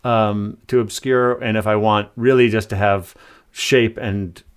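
A man's voice: fairly low pitch, steady tone, a little slow, clear, resonant tone. A man, a composer guest, explaining his work on a remote interview call, thoughtful and full of hesitant fillers. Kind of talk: conversational interview answers.

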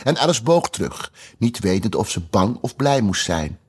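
A man reading a storybook aloud with expressive narration. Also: lowish voice, normal speed, husky. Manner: lively, expressive.

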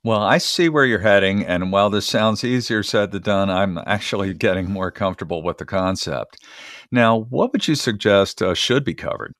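A man's voice: on the low side, expressive, normal speed, fairly bright tone, no room sound, studio quality. A man acting as interviewer, genial and somewhat formal and wordy, in a conversational but prepared-sounding style. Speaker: interviewer, co-host.

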